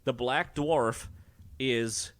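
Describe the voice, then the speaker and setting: A man's voice: medium pitch, drawn-out words. A man co-hosting a podcast, chatting casually about a film, swearing often and restarting his sentences. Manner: swearing, restarts, lively back-and-forth. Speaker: podcast co-host.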